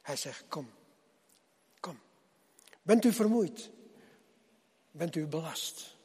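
A man preaching a sermon to his congregation, slow and husky, his voice swelling loud and then dropping low as he calls them to come. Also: lively intonation. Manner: slow, swelling and dropping loudness with repeated appeals. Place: church hall. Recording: long reverb of a church hall.

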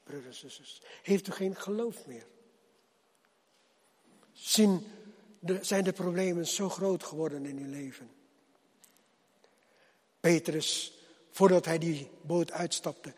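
A man preaching a sermon to his congregation, slow and husky, his voice swelling loud and then dropping low as he calls them to come. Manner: slow, swelling and dropping loudness with repeated appeals. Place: church hall. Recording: long reverb of a church hall.

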